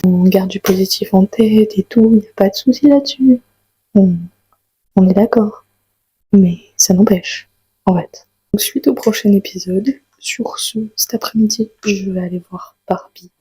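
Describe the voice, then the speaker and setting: A woman's voice: medium pitch, fairly even intonation, a little slow, warm tone, slightly rough, dry recording. A woman in her twenties from France with an Auvergne accent, chatting casually in a vlog with many fillers and restarts. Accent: Auvergne French. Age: 20s. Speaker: vlogger.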